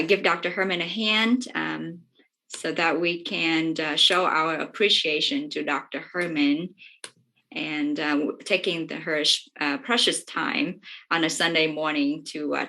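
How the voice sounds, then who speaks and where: A woman doctor wraps up an online workshop on a video call. Her voice sits low but sounds bright, and her speech is full of ums and uhs. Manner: hesitant, many fillers.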